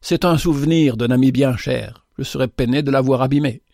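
A man voicing a calm, cordial bishop in an audiobook, speaking gently. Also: medium pitch, fairly quick, vocal fry, no room sound, studio quality, close to an everyday voice.

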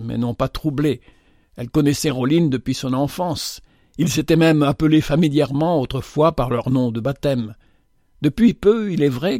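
A man reading a novel aloud in measured, even storytelling narration. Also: a little high, no echo, studio quality. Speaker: audiobook narrator.

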